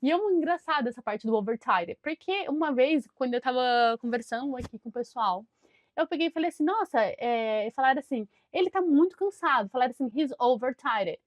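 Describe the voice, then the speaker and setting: A woman with a Brazilian Portuguese accent giving a conversational English lesson. She explains chattily and repeats English phrases slowly and deliberately. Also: a little high, dry recording. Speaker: English teacher.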